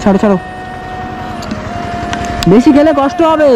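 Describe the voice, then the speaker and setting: A man's voice: very high-pitched, animated, moderate pace, very noisy. A man vlogging outdoors with his small daughter, coaxing and doting on her in casual talk. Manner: coaxing, doting, talks softly to a small child. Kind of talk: casual vlog talk to a child. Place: outdoors in tree shade on a hot day.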